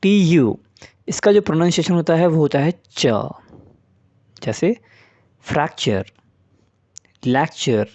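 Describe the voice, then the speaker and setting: A man's voice: a little high, very animated, slow, long pauses, a little mellow. A man teaching English pronunciation in Hindi, patiently spelling out letters and saying example words one by one. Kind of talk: spoken English lesson in Hindi.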